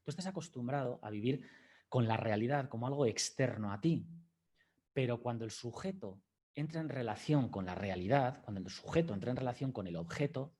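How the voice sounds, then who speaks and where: Husky lecturer telling a story. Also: male voice, mid-range voice, a little fast, darkish tone. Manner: reflective, acts out dialogue with a student. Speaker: university lecturer giving a talk.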